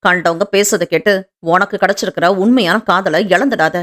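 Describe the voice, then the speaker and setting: A woman voicing a sharp-tongued young sister who scolds briskly and insistently. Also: fairly low pitch, lightly acted. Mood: scolding.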